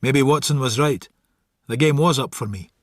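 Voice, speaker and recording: An actor playing a wry, stubborn maverick detective inspector with a Scottish accent and a dry, sardonic manner in a radio drama. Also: male voice, mid-range voice, normal speed, lightly acted. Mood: brooding. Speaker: lead actor and narrator. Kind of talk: radio drama acting and first-person narration.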